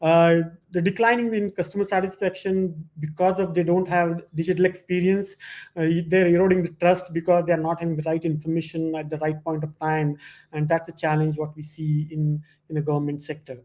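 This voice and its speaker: Guy presenting slides, voice a bit on the high side, kinda halting, lots of filler words and repeats. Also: little pitch movement, darkish tone. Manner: hesitant, halting phrasing with frequent repetition and "you know".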